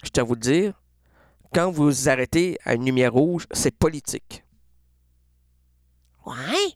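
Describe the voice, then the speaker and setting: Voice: medium pitch, unhurried, no room sound, voice pushed down, close to an everyday voice. A performer voicing a dry, pedantic male radio host in a comedic sketch. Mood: deadpan. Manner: deadpan, flat, nitpicking.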